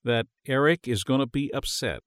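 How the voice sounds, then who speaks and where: A male narrator voicing a busy, distracted working wife, talking fast and apologetically. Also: medium pitch, fairly bright tone, no room sound, studio quality, pitched above the performer's own voice, close to an everyday voice. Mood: guilty. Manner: hurried, apologetic, breezy.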